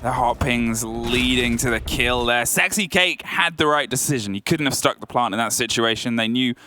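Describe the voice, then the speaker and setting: A man's voice: mid-range voice, moderate pace, pushed and bright. A man working as an esports caster, calling live play-by-play in dramatic, colourful phrases.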